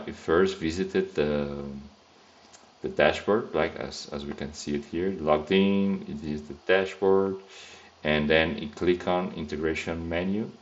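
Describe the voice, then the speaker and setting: A software test engineer with a Brazilian Portuguese accent and a very low, deep voice thinks aloud loosely while working through a screen-recorded coding demo, full of fillers and restarts. The audio is a little dull and lo-fi, like a desk mic.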